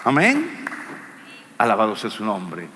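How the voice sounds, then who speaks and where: A man's voice: fairly low pitch, huge pitch swings, unhurried, pushed and bright, big-room sound, some chatter behind, a little hiss or hum. A man preaching a Bible lesson, repeating phrases emphatically and speaking to the listener as a friend.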